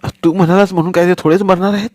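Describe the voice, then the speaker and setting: A man's voice: high voice, steady tone, fast, darkish tone, no echo, voice pushed up, natural voice. A man voicing a timid village boy in a storybook reading, meek and pleading. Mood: coaxing.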